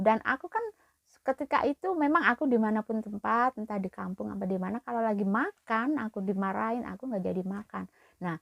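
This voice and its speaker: Brief: young Indonesian woman, emotional storyteller, slightly high voice, dry close sound. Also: gravelly, no room sound, dull audio. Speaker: domestic worker. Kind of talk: storytelling vlog.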